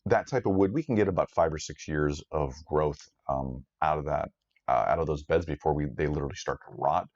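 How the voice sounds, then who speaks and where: A man with a very low, deep voice chats casually as co-host of a gardening live stream. He talks in a relaxed way, filling gaps with ums and uhs. The audio is dull and lo-fi. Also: fairly quick. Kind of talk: casual chat.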